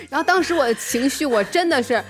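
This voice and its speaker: A woman's voice: high voice, normal speed, faint music behind. A young woman co-hosting a casual chat podcast, telling personal stories animatedly with frequent laughter. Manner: animated storytelling, laughs often. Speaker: podcast co-host.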